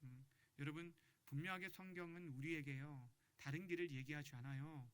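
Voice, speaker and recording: A man's voice: on the high side, a little fast, a bit bright, clear, resonant tone. A male pastor preaching a sermon in church, leading the congregation in reading scripture aloud and asking them questions.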